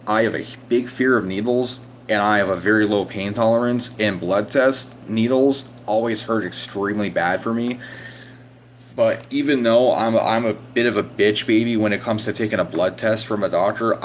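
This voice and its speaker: A young man telling a long, profane story in casual vlog style, with lots of restarts, and loudly acting out his own screams. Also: lowish voice, a little hiss or hum. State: recovering from illness. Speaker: vlogger.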